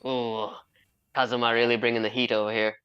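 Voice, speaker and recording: A man's voice: medium pitch, level tone, a little fast, highs cut off, background noise. A man giving casual, playful commentary while streaming a game. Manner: playful, chatty.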